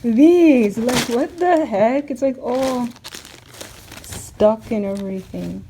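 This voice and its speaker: Young woman vlogger, unhurried and rambling, mellow tone, faint background noise. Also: fairly high pitch, expressive, poor audio. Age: young adult. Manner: rambling, filler-heavy and chatty. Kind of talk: casual vlog chat.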